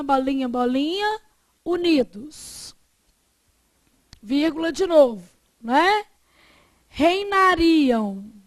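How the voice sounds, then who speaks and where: A woman teaching a Portuguese grammar lesson, lively, asking the class questions and answering them herself. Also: high voice, dry recording.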